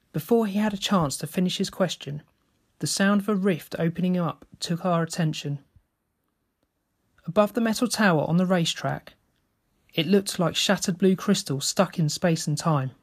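Man, storyteller, first-person narration, steady measured reading, slightly higher pitch.

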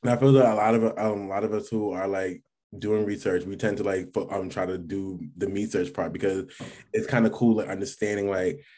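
A young man, his voice sitting a little low. He talks in a relaxed, rambling way, with plenty of "like" and "um" and easy laughter, as a guest on a casual podcast. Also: fairly quick. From New York. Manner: relaxed, many fillers and "like", laughs often. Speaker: guest, graduate student. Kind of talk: casual chat.

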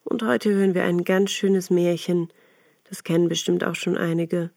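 A woman reading a fairy tale aloud as a storyteller, in a calm, clear way. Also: fairly low pitch, moderate pace, no room sound, studio quality.

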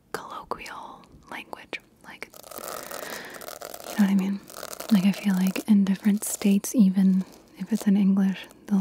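A woman speaks in a breathy ASMR whisper, almost entirely unvoiced, with tingly mouth sounds. She rambles casually and lingers on words, repeating them playfully as soft triggers. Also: medium pitch. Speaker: ASMR video creator.

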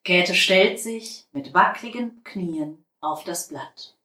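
A woman narrating a children's storybook in a soft, calm, expressive way. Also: lowish voice, takes it slowly, reverberant, rough recording.

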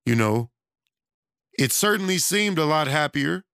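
Slightly high and expressive, this gravelly, somewhat bright voice has a clean tone and a measured pace in a dry recording. The speaker, a self-employed American man with a studio, is losing his voice as he rambles casually, restarting often and using many fillers.

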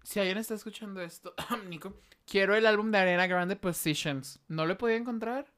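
A woman's voice: medium pitch, a little fast, fairly bright tone. Young Mexican woman, podcast co-host, teasing and foul-mouthed, casual chat. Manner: teasing, crude jokes and playful interruptions.

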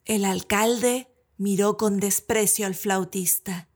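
Slow, lilting woman storyteller. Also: medium pitch, steady tone. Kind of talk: storybook narration. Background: soft background music.

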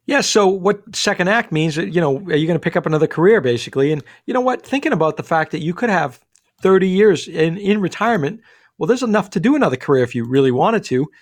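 On a call-in radio show, a high-voiced financial advisor talks money and retirement in a fast, energetic rush, restarting often and leaning on fillers. The studio-quality audio has no echo.

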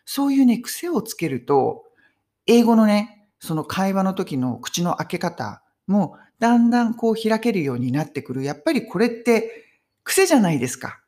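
A woman's voice: medium pitch, big pitch swings, normal speed, dark tone. A middle-aged woman giving a casual English conversation lesson on video, talking in an emphatic, friendly teaching tone. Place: home in London.

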